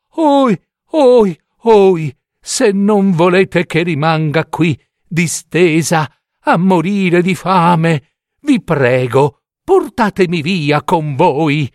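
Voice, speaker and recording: A man voicing a sly, cunning female fox in a storybook reading, wheedling, moaning and mocking with shrill cackles. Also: dry recording, studio quality.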